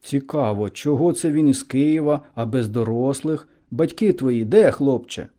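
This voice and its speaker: A pompous, potbellied middle-aged man scoffs in a raised, scornful voice, as a male narrator acts him out. His pitch moves a lot. The tone stays dark and mellow. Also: lively intonation, measured pace, natural voice.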